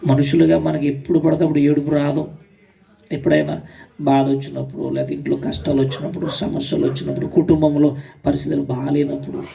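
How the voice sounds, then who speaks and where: A man delivers a sermon, firing rhetorical questions and repeating phrases for emphasis. His voice sits high and rough with fry, and the mic catches him from some distance away. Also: mellow. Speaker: pastor.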